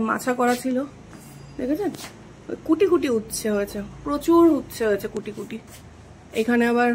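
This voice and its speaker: A young woman vlogs in speech, her voice high and bright. She talks to her viewers casually and keeps asking them questions. The phone recording picks up plenty of background noise. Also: rough recording. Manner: chatty, addresses viewers directly with questions. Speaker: vlogger. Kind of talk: casual vlog narration.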